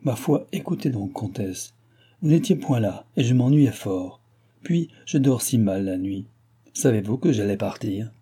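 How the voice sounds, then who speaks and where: A bored, teasing aging king, read by a man in a husky, dark voice. He talks in a languid, bantering way, a little brighter than plain narration. The scene comes from a storybook reading. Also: lowish voice, expressive, measured pace.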